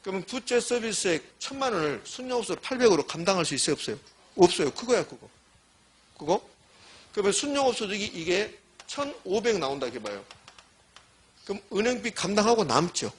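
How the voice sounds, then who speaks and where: A man's voice: high voice, big pitch swings, a little fast, slightly rough. A middle-aged man giving a classroom lecture, quizzing students and answering his own questions while repeating key terms. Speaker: real estate exam lecturer.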